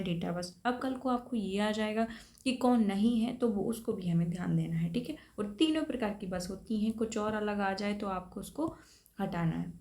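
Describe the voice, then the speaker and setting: With a medium-pitched, slightly mellow voice, a female teacher works through computer topics for a competitive exam. Her classroom lecture is patient and explanatory, punctuated by frequent "thik hai" check-ins with students.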